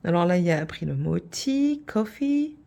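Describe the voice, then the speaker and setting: A woman's voice: on the low side, very animated, moderate pace, gravelly, mellow. A woman vlogging about her crafts to viewers, chatty and rambling, teasing herself as she goes. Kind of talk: casual chat to viewers.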